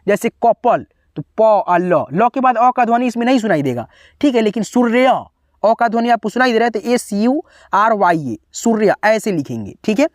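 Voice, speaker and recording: A man's voice: high-pitched, sing-song, normal speed, dry recording, clean studio sound. A man teaching a beginners' spelling lesson, patiently spelling out each word letter by letter and checking in with his viewers again and again. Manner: keeps saying "okay, friends".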